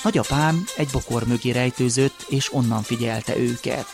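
A man narrating a folk tale in a measured, unhurried way. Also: medium pitch, gravelly, over loud music. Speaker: storyteller.

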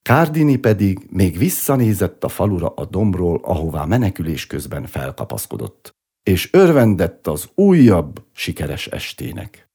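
A man narrating a story in an expressive, dramatic reading. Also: low voice, slightly rough.

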